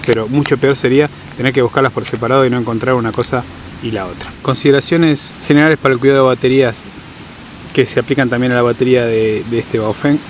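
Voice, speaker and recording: Talking fast in a medium-pitched voice, a man from Argentina who works as an outdoor guide explains things informally in a tutorial. He keeps asking short questions to make sure listeners follow, and the clear recording carries steady ambient background noise.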